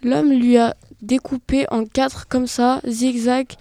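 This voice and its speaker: A woman's voice: on the high side, level tone, slow pace, dark tone, no room sound. A woman reading as a dramatic golden apple. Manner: indignant, breathless storytelling. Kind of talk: amateur web radio story reading.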